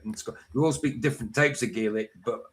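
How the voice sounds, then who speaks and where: A man's voice: mid-range voice, quick pace. A man from northeast Scotland with a Doric accent, chatting casually and often repeating his phrases. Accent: northeast Scottish Doric. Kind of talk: casual chat.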